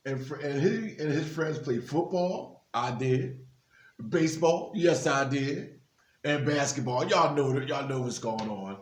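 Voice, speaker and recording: A guest reader at a basketball team's literacy-program book event, this man reads a children's story in an unhurried, expressive voice of medium pitch. Every so often he stops to offer the kids casual encouragement, and the recording has a reverberant, echoey room sound.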